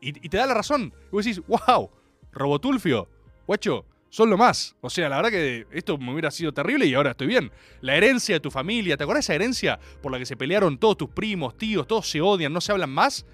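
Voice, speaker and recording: An Argentine man hosts a radio show and delivers an exasperated comic rant. His voice is high and jumps all over the place. He is recorded dry and close, with faint music behind him. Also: fast talker, no room sound. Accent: Argentine Spanish. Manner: animated, exasperated ranting.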